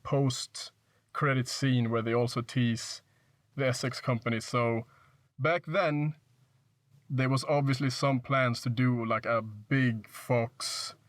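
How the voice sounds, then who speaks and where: A man's voice: medium pitch, takes it slowly, dry recording. Man reviewing films in a dry car. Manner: relaxed, hedging with fillers, leads the discussion. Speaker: podcast film critic. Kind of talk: casual film review chat. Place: inside a parked car.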